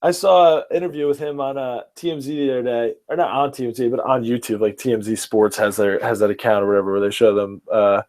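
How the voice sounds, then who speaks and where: A man's voice: medium pitch, steady tone, quick pace, few pauses, a little mellow. Enthusiastic young man chatting sports. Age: early 20s. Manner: enthusiastic, rambling, fillers and restarts. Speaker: podcast host. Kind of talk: casual sports chat.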